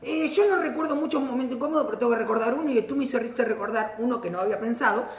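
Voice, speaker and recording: A man's voice: very high voice, rapid-fire, roomy sound. A man, co-hosting a web show, who teases and jokes around in casual chat. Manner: teasing, animated, jokes around.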